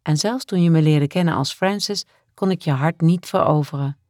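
A woman voicing a shy but passionate young woman in love, speaking softly and from the heart in an audiobook. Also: sits low, moderate pace, no echo, studio quality, lightly acted. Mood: loving. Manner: soft and heartfelt. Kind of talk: audiobook character voice.

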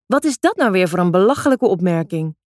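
A woman's voice: lowish voice, very animated, brisk, darkish tone, dry recording. A sulky teenage girl in a storybook reading, snapping back in a raised, defiant voice, as a woman reader puts her on. It is close and dry.

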